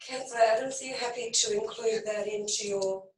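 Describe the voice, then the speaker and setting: A woman with a croaky voice chairing a council meeting as mayor, reading through the agenda items briskly. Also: a little high, steady tone, slight background noise. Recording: echoey room from a distance.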